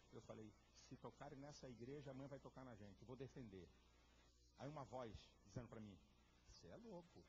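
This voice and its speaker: A man preaching a sermon with a Brazilian Portuguese accent, swinging between loud shouts and low, confiding talk. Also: lo-fi sound, noisy background. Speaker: pastor. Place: large church hall.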